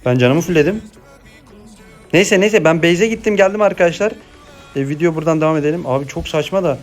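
A young man talks over his own mobile game match. His voice sits a little high, and he moves from easy, chatty remarks to excitable bursts of play-by-play. Game music plays faintly underneath. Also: fast talker. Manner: excitable, swings between chatty asides and shouted play-by-play. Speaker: gameplay streamer. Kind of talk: live gameplay commentary.

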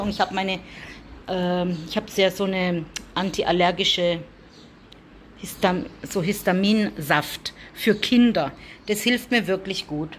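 Chatty woman vlogging with cats. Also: slight background noise. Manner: chatty, coos and calls to her cats in a high sing-song. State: allergic, coughing. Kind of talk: casual vlog talk to cats and viewers. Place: room with cats, indoors.

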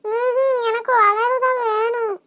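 A woman's voice: extremely high pitch, steady tone, moderate pace, background noise. A woman voicing a spoiled little girl in a cartoon, whining and pleading through tears. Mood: tearful whining. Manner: whiny, tearful pleading. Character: whiny spoiled little girl crying for bangles.

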